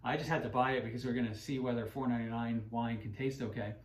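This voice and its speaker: A man's voice: mid-range voice, fairly even intonation, quick pace. A man hosting a wine channel, talking casually and rambling with many fillers and restarts. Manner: self-deprecating. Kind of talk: casual unscripted talk. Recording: roomy echoey room.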